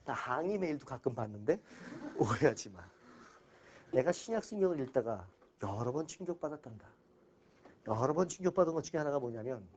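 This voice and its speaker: A male lecturer talking to his students in an easy, casual way, with a voice at an ordinary middle pitch. He is animated and blunt, and he swings between sharp outbursts and dry asides. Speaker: exam-prep ethics lecturer.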